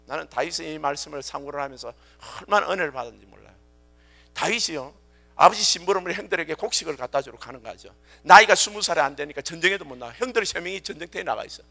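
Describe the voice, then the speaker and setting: A man preaching a church sermon, telling a story in a casual, colloquial way with animated delivery. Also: a little high, fast talker, creaky. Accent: Korean. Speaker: youth pastor. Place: church service.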